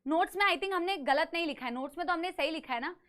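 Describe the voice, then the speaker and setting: Young woman, online biology tutor with a sore throat, very high bright voice, talks to students like a caring elder. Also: fast. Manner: calls students beta, mixes English terms into Hindi, asks "theek hai?" often. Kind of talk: live online class lecture.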